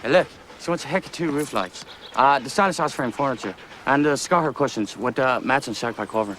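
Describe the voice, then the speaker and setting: An actor playing a rough male character in a film, speaking in rapid, garbled mumbling. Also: medium pitch, fairly bright tone, a little hiss or hum, close to an everyday voice. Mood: wheeling-dealing.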